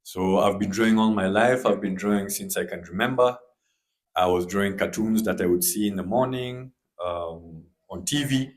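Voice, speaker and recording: Relaxed Kenyan man, low-pitched. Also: moderate pace. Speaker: comic artist guest. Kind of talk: panel discussion.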